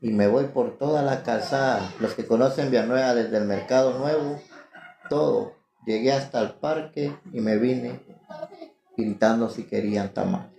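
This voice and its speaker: A man's voice: medium pitch, moderate pace, creaky, mellow, roomy sound. A man with a Guatemalan accent giving a fervent testimony sermon to a congregation, telling his story with passion. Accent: Guatemalan Spanish. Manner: fervent, storytelling, building to impassioned pleading.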